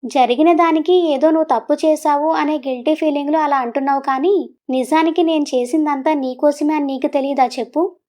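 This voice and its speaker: A woman's voice: sits high, steady tone, fairly quick, darkish tone, natural voice. Woman reading as a stubborn young lover. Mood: insistent.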